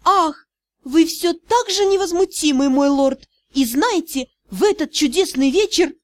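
A woman reading an audiobook, voicing a jealous young noblewoman who sounds shrill and close to tears. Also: lively intonation, measured pace, dry recording. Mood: gushing. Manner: shrill, pleading, near tears. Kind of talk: audiobook character voice.

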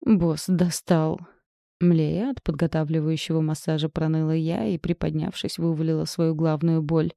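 A woman narrating a first-person story in a lively, expressive reading. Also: deep voice, moderate pace, creaky, hardly any pauses, dry recording, studio quality. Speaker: audiobook reader.

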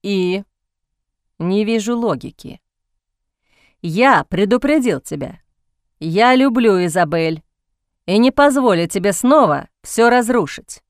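A woman's voice: mid-range voice, expressive, measured pace, no room sound, clean studio sound, close to an everyday voice. A woman voicing a proud, earnest younger brother who speaks in curt, clipped phrases, in a storybook reading. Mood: angry.

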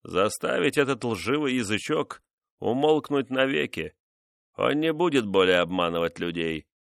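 A man voicing a cruel, vengeful nobleman who mocks his wife in a slow, menacing way. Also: medium pitch, animated, vocal fry, fairly bright tone, dry recording, studio quality. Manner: mocking, menacing, measured.

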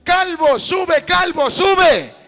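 A man's voice: very high voice, lively intonation, a little fast, heavily acted. A man voicing a gang of rowdy young boys jeering at an old man. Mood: jeering shout. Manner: taunting, shouting. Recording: reverberant hall with music underneath.

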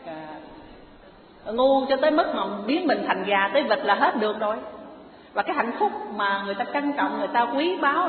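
A woman giving a Buddhist dharma talk, telling a story in an animated, humorous way and addressing the audience directly. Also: on the high side. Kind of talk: sermon with storytelling. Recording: echoey hall over a tinny phone-like line with an audience. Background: audience laughter.

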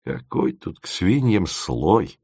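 A man's voice: low voice, sing-song, takes it slowly, darkish tone, slightly rough, no echo, studio quality, exaggerated voice. A man voicing a bossy, motherly woman who leads an expedition and dotes on her team. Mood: bossy, doting.

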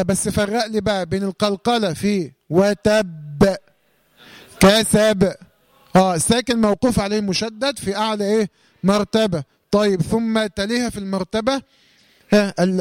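A man with an Egyptian accent teaching Quran recitation rules, quizzing students, correcting them and reciting verse fragments slowly. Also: high voice. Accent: Egyptian Arabic. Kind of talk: tajweed lesson, call-and-response drilling.

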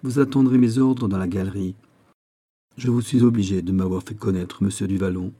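A man reading a classic novel aloud as an audiobook narrator, shading the dialogue with small shifts of pitch and level but no full character voices. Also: steady tone, fairly quick, dark tone.

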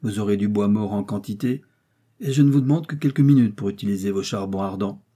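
A man voicing an excitable, cheerful male servant in an audiobook, speaking eagerly and brightly. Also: fairly low pitch, brisk, slightly rough.

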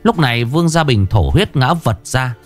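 A man narrating a historical folk tale in a steady, expressive storytelling voice. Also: medium pitch, normal speed, faint music behind.

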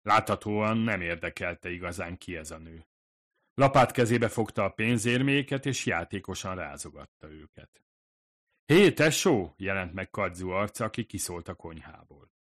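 A man narrating an audiobook in a calm, even storytelling manner. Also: sits low. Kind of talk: scripted narration.

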